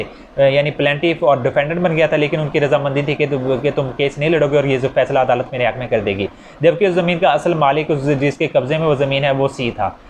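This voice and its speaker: Delivering a casual, step-by-step law lecture with worked examples, a Pakistani-accented man repeats key phrases and sprinkles in English legal terminology. His pitch is fairly high, and the recording carries slight hiss or hum.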